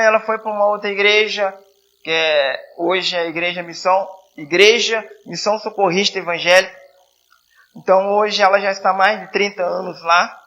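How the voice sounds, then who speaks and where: Bright-voiced missionary man preaching. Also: high voice, muffled recording. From southern Rio de Janeiro state, Brazil. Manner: conversational, repeats and restarts, asks the congregation "né?". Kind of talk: sermon. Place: church hall.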